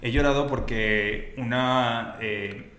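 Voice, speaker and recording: A man's voice: medium pitch, steady tone, slow, bright, forceful tone. A man with a Mexican accent, telling personal stories as an interview guest in casual, slang-filled chat. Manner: slangy storyteller, peppers speech with güey. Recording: roomy echo, faint ambience.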